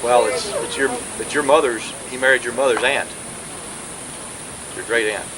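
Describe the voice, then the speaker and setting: A man, talking informally to relatives at a family gathering in a rambling way with many pauses, heard on an old VHS home video. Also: medium pitch, fairly even intonation, over a noisy crowd, rough recording. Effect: old VHS home video sound. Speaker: family historian speaking at a birthday gathering.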